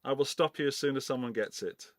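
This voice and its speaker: He talks fast in a medium-pitched voice: a middle-aged man from the Forest of Dean, Gloucestershire, England, hosting a relaxed livestream giveaway with loose, rambling chatter. The recording is dry and clean, studio-grade.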